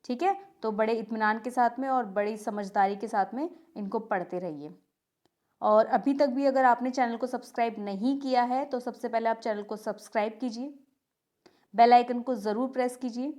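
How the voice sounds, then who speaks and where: Repetitive woman teacher, higher voice. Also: moderate pace, darkish tone. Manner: repeats key terms as questions and answers them, says "ठीक है" often. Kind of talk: Hindi grammar lesson for exam students.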